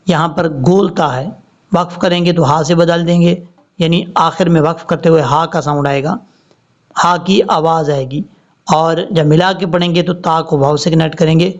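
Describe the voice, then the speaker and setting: A man teaching Quran recitation word by word, drawing out each word slowly and then explaining the rules in plain speech. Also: fairly high pitch. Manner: slow drawn-out recitation between plain explanations. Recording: dull lo-fi recording.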